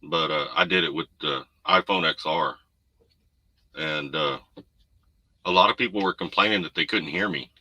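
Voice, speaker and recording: This trucker livestream host, a man with a deep voice, talks at a moderate pace with long pauses in a bright, forceful tone. Broadcasting casually from his home room, he rambles laid-back through viewers' comments; the desk USB condenser mic gives a dry recording with background noise.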